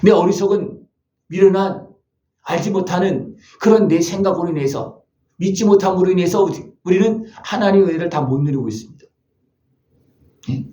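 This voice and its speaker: A man's voice: high voice, normal speed, dark tone, echoey room. A male pastor preaching a sermon, asking his congregation one rhetorical question after another. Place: church sanctuary.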